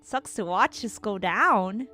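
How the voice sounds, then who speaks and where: A woman streaming a visual novel playthrough, reading its narration aloud and reacting with animated, giggly, slangy commentary. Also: mid-range voice, slow, soft background music.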